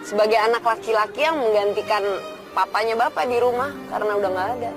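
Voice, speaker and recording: A woman's voice: fairly high pitch, fast, over music, a crowd in the background, close to an everyday voice. An actress playing a cheeky, outspoken young working-class woman in a TV drama, blunt and chatty. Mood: reproachful. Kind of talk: TV film drama acting.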